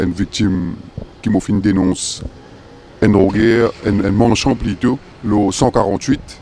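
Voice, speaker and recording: Disguised man, pitch-lowered filter, Mauritian accent. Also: mellow, a little hiss or hum. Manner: halting, broken French with repeated words. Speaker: interviewed police informant. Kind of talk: news interview.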